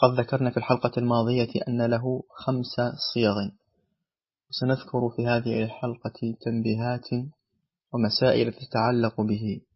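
A man giving a formal religious lesson as a teacher, in a measured, formal classical delivery. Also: mid-range voice, monotone, slightly rough, lo-fi sound.

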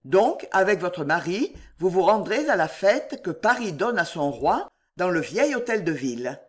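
A reader voicing a scheming, powerful male general in an audiobook, speaking in a measured, commanding way. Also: mid-range voice, sing-song. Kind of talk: audiobook reading.

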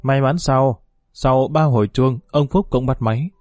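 Male audiobook narrator, steady and mellow, dry close recording. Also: medium pitch, measured pace, no room sound.

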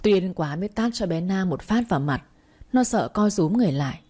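Woman, story narrator, steady reading, low pitch, dark tone. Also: brisk, breathy edge.

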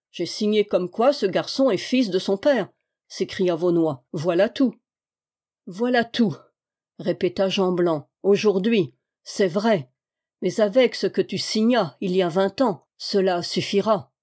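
A woman reads a historical adventure novel aloud in a warm, mellow voice. Her narration is steady and clear. She lifts her pitch and pushes harder when the characters speak. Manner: lively, voices the dialogue with raised pitch and force. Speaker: audiobook reader.

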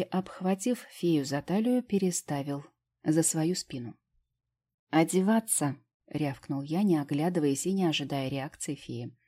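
A woman reads first-person fiction aloud at a steady, measured pace. Her voice is low and mellow with a husky edge. She narrates in a calm storytelling way. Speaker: audiobook narrator.

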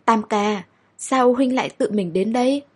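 Woman doing a brash young soldier, rude and impatient, breathy tone, storybook reading. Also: a little high, unhurried, darkish tone. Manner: rude and blustering.

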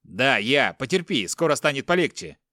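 A man's voice: mid-range voice, sing-song, moderate pace, sharp tone, no echo, studio quality. A man voicing a tough middle-aged father held captive, firm and reassuring. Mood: soothing.

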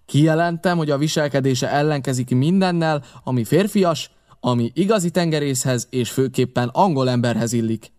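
A man's voice: medium pitch, darkish tone, natural voice. A man reading an audiobook, voicing a pompous country squire who blusters with indignation. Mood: indignant. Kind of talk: audiobook character voice.

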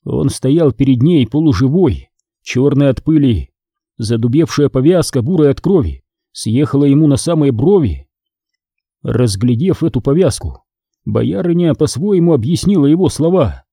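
A man's voice: mid-range voice, expressive, moderate pace, warm tone, slightly rough, no echo, clean studio sound. A man narrating a historical novel as an audiobook reader.

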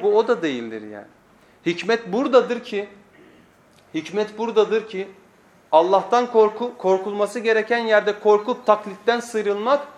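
Here a high-pitched man preaches the weekly sermon lesson from a pulpit mic. He presses his points emphatically, circling back to repeated phrases and asking his listeners rhetorical questions.

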